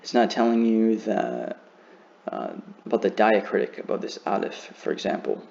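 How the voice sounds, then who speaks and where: Male teacher, low voice, slow careful beginner lesson, muffled recording. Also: big pitch swings, gravelly, darkish tone, slight background noise. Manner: slow, careful demonstration of pronunciation.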